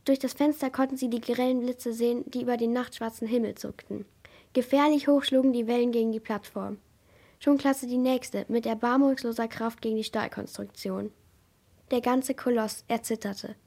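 Woman narrator, steady audiobook reading, somewhat high voice. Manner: steady, measured storytelling.

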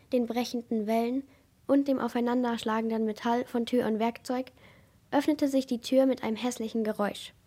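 A woman reading a thriller story aloud as narrator in a steady, measured way. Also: on the high side. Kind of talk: scripted audiobook narration.

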